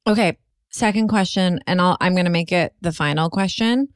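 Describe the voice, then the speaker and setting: Woman, podcast co-host, enthusiastic questioner, smooth voice, lowish pitch, dry sound. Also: moderate pace, dry recording. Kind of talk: casual podcast interview.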